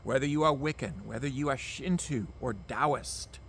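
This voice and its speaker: A man's voice: medium pitch, normal speed, vocal fry, fairly bright tone, a little hiss or hum. A man, ranting emphatically to camera outdoors, repeating himself and swearing. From Canada. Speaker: vlogger. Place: outdoors among mosquitoes.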